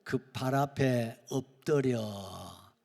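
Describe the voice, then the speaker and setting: A male pastor with a Gyeongsang accent preaching a sermon, jumping from loud questions to hushed whispers. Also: medium pitch, very slow, gravelly, in a large hall. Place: church sanctuary.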